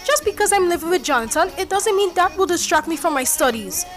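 A woman's voice: very high-pitched, expressive, quick pace. An actress playing a young student daughter in a domestic drama, defensive and outspoken with her father. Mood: indignant, defiant. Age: young adult.

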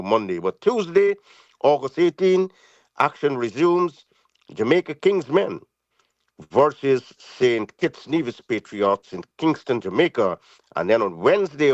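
A man's voice: on the low side, no room sound. A man from Guyana giving a radio cricket report in a conversational, chatty way. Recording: dull lo-fi radio audio.

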